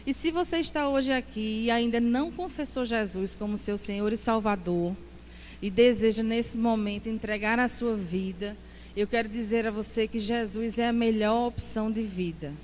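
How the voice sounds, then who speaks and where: A fervent middle-aged woman teaches a church women's class. Her voice sits a little high and keeps breaking off for praise interjections. It echoes through a church hall over a faint hum. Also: moderate pace, a little mellow. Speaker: women's Bible class speaker.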